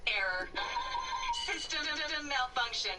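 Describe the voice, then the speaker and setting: A cheery female robot guide from a video game, her metallic, filtered voice high, very bright and swooping all over. She chirps like a saleswoman, then a glitch turns her into a snarling bully who spits insults. The audio sounds a little distant, with music underneath. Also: expressive, takes it slowly, exaggerated voice. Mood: chirpy. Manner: chirpy sales patter, turning to vicious insults when glitched.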